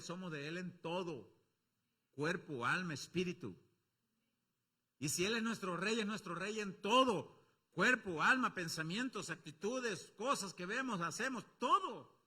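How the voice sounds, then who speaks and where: A man with a Mexican accent preaching a sermon as pastor, swinging from loud calls to low asides and acting out quoted voices. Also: slightly rough. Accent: Mexican Spanish. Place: church.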